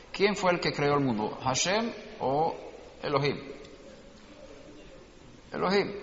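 A man's voice: fairly high pitch, a bit bright, slight background noise. Man teaching a class. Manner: explanatory, asks the class rhetorical questions. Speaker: Torah teacher. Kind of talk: religious class. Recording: dull lo-fi recording in an echoey hall.

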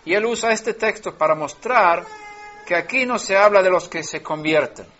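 A man gives a verse-by-verse Bible lesson in a slightly high voice, his pitch and volume climbing whenever he presses a point. He often restarts words mid-phrase. The recording sounds dull and lo-fi. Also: moderate pace, sharp tone. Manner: rises in pitch and volume when stressing a verse. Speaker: Bible teacher.

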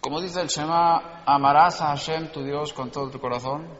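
A Torah teacher leads a religious class, explaining material and posing rhetorical questions to his students. His voice is a little high, steady, and moderately paced, captured in a dull lo-fi recording in an echoey hall.

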